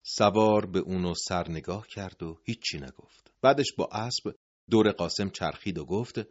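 A man narrating a dramatic story, dropping to hushed tones at the end of sentences. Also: deep voice. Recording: dull lo-fi recording.

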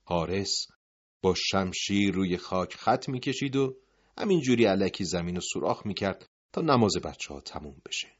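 A man's voice: low-pitched, expressive, slightly rough. A man narrating a dramatic story in a grave, emotive voice, in a dull lo-fi recording.

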